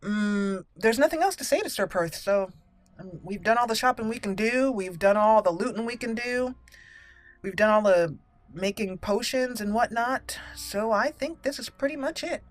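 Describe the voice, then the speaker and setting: A gaming channel host records a let's play indoors with game audio behind her, playfully switching between in-character lines and casual commentary. Her voice sits a little high, with lively intonation and a normal speed, and there's no echo.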